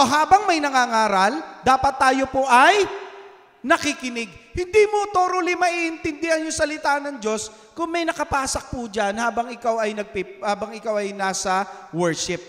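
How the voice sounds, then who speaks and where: A man with a Filipino accent preaching a sermon in a church, animated and teasing, asking the congregation questions and switching between Tagalog and English. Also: very high voice, big-room sound. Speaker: pastor. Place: church hall.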